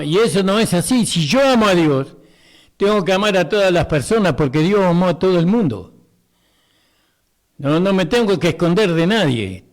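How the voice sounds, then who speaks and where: A man preaching a radio sermon, slow and emphatic, breaking off often to ask his listeners short rhetorical questions. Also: high-pitched.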